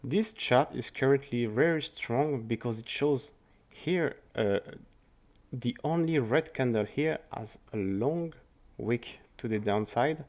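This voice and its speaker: A man's voice: mid-range voice, a little mellow. French-accented man reviewing crypto charts. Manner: careful, halting speech with restarts. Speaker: crypto market analyst. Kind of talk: scripted market review over charts.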